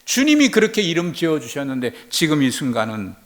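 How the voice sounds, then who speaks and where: A male pastor retells a story slowly and reflectively during a sermon, his high-leaning voice swooping wildly in pitch. He swings between hushed, almost whispered passages and loud, emphatic lines.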